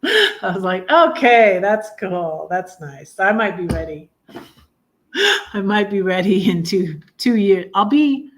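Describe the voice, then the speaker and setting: Rambling woman in her fifties, slow talker. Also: mid-range voice, big pitch swings. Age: 50s. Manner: rambling, many ums, sings hymn lines slowly. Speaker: live stream host. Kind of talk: casual live chat.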